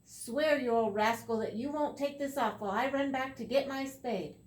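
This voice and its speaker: A woman voicing a clever, bold young farmer man who talks loud and eager. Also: high voice, moderate pace, close to an everyday voice. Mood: stern. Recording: echoey room, faint ambience.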